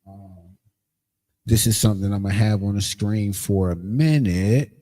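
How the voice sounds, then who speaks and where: A man teaching a livestreamed language class, explaining in a casual, halting way with frequent pauses and ums. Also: on the low side, dark tone. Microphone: streaming setup, screen sharing.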